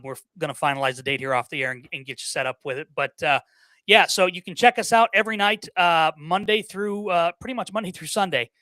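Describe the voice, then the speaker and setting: A man's voice: on the high side, pushed and bright, clean tone, dry recording. A man guesting on a sports podcast, giving opinions in casual chat, often repeating words and using fillers.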